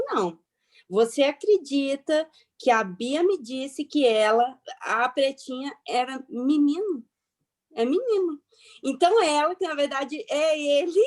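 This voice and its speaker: A woman performs a self-righteous, prejudiced matron with a high voice in a satirical dramatic reading. She is hammy and indignant, rambling and repeating phrases with theatrical emphasis.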